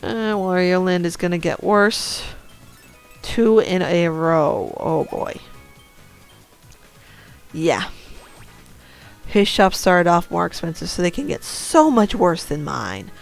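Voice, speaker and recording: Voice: mid-range voice, big pitch swings, slow, vocal fry, long pauses, faint music behind. A streamer giving casual commentary over a board game, talking to themselves with muttered asides. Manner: talks to self about the game, muttered asides.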